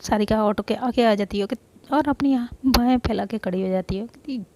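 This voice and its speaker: A woman's voice: fairly high pitch, moderate pace, background noise. A woman narrating a spoken love story in a plain, conversational way.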